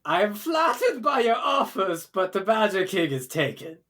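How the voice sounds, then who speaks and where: A man's voice: sing-song, moderate pace, bright, forceful tone, full character voice. A man voicing an eccentric, self-important king in a badger mask during a tabletop role-play game, grandiose and baffled by turns. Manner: grandiose, booming, then baffled.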